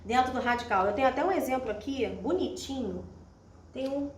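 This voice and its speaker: Brief: Brazilian woman teacher with a higher voice, patient and step-by-step, picked up from afar in a roomy space. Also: lively intonation, fairly quick. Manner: patient, explains step by step, checks in with "tá?". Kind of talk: recorded classroom grammar lesson at a whiteboard. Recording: roomy echo, distant mic, faint hiss.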